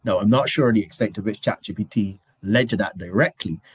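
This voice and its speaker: A man's voice: on the low side, brisk, husky, dry recording. A man giving a conversational business presentation, restarting phrases and adding rhetorical asides. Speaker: guest lecturer.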